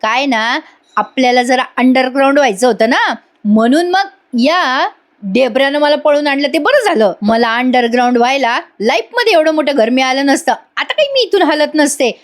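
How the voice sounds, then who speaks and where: Woman voicing a loud, cheeky village girl, high and bright, brash. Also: animated, moderate pace.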